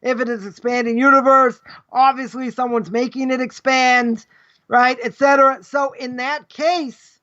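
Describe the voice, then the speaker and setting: At a moderate pace, a middle-aged rabbi delivers a rambling, live Torah lesson on ethics in an extremely high, pushed, bright voice with fairly even intonation. He poses rhetorical questions throughout and caps almost every point with "right?", all recorded as dull lo-fi livestream audio.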